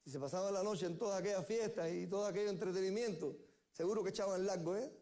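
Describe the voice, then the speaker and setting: A man's voice: high-pitched, quick pace, mellow. A male pastor preaching a sermon, telling the story with repeated key phrases. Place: church.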